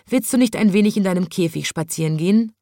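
A woman voicing a timid, kind little male zookeeper in a children's story, speaking gently and hesitantly. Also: mid-range voice, fast talker, no echo, studio quality, natural voice. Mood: gentle. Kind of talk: storybook reading.

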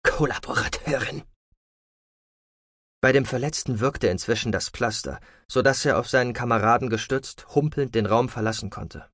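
A man narrating a science fiction audiobook in an expressive storytelling manner. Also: medium pitch, fairly quick, hardly any pauses, no room sound, clean studio sound. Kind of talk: scripted narration.

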